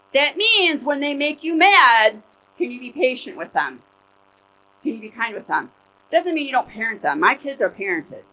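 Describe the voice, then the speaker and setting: A middle-aged woman pastor giving a sermon in church, conversational and animated, telling personal stories to make her points. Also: mid-range voice, husky, low-quality recording.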